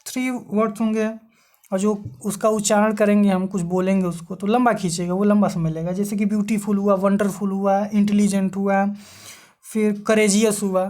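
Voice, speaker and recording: A woman's voice: mid-range voice, little pitch movement, normal speed, mellow. Lady teacher doing an exam-prep grammar class online, asks herself questions then answers, spells words out letter by letter.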